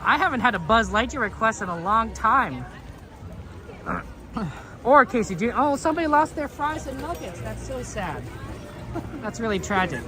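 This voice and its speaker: A very high, very animated male voice moves at a moderate pace, broken by long pauses, as he hosts a livestream outdoors at a theme park. Reading chat aloud, he meanders with fillers and restarts against a backdrop of crowd noise.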